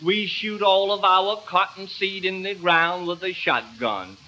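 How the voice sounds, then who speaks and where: A man's voice: high voice, a little slow, sharp tone, slight background noise, poor audio. A man delivering a folksy rural comedy monologue full of tall tales and tongue-twisters.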